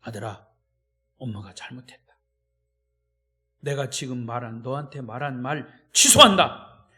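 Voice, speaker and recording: A male pastor acting out a remorseful mother who quietly begs her son for forgiveness during a sermon story. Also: medium pitch, lively intonation, measured pace, voice pushed down.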